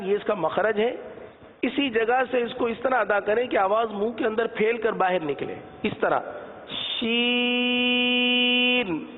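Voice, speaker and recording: A man teaching a religious lesson on how to pronounce letters, explaining patiently and drawing out each sound slowly. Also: sits high, in a large hall, phone-quality sound, slight background noise. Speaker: Quran recitation teacher.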